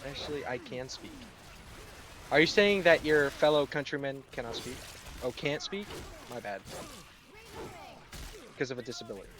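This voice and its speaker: A man's voice: mid-range voice, moderate pace, pauses often, a crowd in the background. A young man from the United States in his late teens, chatting sarcastically and rambling while he streams a game. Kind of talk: casual live-stream chat while gaming.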